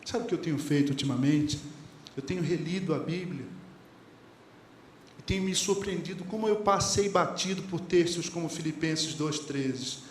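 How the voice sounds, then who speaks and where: With a voice on the high side and a moderate pace, a pastor with a Brazilian Portuguese accent preaches conversationally, asking the congregation questions and quoting lyrics and sayings. The church hall is echoey, with faint ambience and slight background noise.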